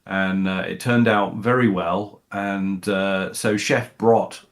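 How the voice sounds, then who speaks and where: A middle-aged man with a lowish voice talks casually in an interview. He rambles, fills gaps with "uh" and restarts his sentences. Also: fairly even intonation, takes it slowly. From Scotland. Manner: rambling, many fillers and restarts. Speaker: voice actor guest.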